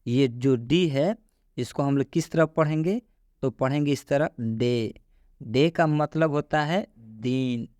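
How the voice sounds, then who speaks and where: A man teaching English pronunciation, spelling out sounds slowly and repeating key words. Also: mid-range voice, darkish tone, no echo. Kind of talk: slow explanatory lesson.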